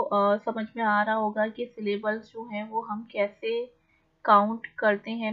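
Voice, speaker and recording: A young woman teaching an exam-prep literature lesson in a mix of Hindi and English, explaining step by step and slowing down to read English definitions. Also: fairly high pitch, highs cut off. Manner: explains patiently, slows right down when reading English definitions.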